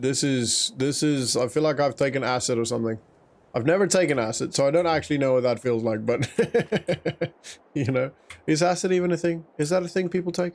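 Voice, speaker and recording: Playing a farming game for his YouTube channel, a native Afrikaans speaker chats loosely to himself, chuckling as he rambles through relaxed let's-play commentary. His medium-pitched voice has a darkish tone and noticeable vocal fry.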